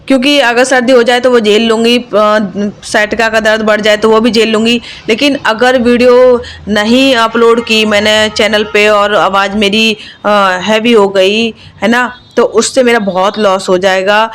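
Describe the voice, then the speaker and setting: A woman's voice: on the high side, steady tone, moderate pace. A woman and mother narrating her own home vlog in a chatty, confiding voice-over, with lots of fillers. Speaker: vlogger, mother.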